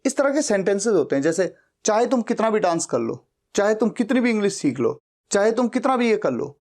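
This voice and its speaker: Man teaching English slowly in Hindi. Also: sits high, darkish tone. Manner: explains in Hindi, says English sentences slowly and carefully. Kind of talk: spoken English lesson.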